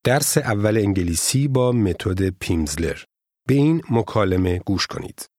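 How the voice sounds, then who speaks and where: A man with a fairly low voice narrates a language course in a measured, formal way. The sound is dry and close, with no room around it. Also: expressive, darkish tone, no echo. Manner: measured, formal teaching delivery. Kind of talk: scripted instructional narration.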